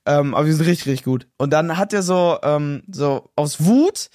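A young man co-hosting a podcast in casual chat, slangy and excitable, acting out quotes. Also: fairly high pitch, moderate pace, dry recording, studio quality. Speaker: podcast co-host.

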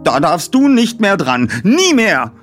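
A know-it-all teenage boy detective who gives orders in a precise, lecturing manner, as a male storyteller puts him on. His voice sits well above a man's usual pitch and swings in lively leaps. Faint music plays behind. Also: moderate pace. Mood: alarmed.

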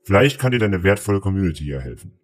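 A man's voice: low voice, big pitch swings, fast talker, soft background music. A man voicing the distorted inner voice of a man, speaking in a cold, accusing way.

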